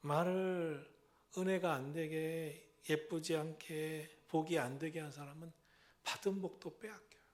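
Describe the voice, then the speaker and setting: Middle-aged male pastor, slightly high voice, rhythmic repetitive preaching, loud calls dropping to whispers. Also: fairly even intonation, measured pace. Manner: swings between loud exhortation and hushed whispers. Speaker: senior pastor. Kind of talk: sermon.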